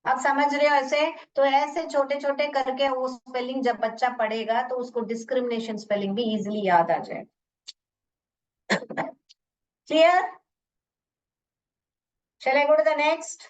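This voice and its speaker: A woman teacher explaining syllable division step by step, sounding words out slowly and mixing in English teaching phrases. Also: high-pitched. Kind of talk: phonics lesson to parents or teachers. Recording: muffled, distant from the mic.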